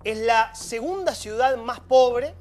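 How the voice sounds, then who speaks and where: A man's voice: extremely high pitch, a little mellow. A man with a Rioplatense accent, hosting a televised panel discussion in a studio and reeling off facts one after another. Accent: Rioplatense Spanish. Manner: lists facts in quick succession. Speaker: panel show host.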